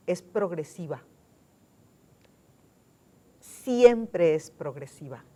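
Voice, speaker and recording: Emphatic Mexican woman, low voice. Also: warm tone. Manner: emphatic, repeats key words, slows to stress points. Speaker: panel guest. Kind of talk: studio panel discussion. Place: television studio.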